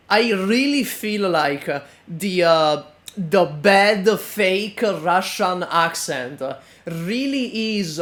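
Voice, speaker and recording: A man giving unscripted reaction commentary in a halting, deadpan manner. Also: high-pitched.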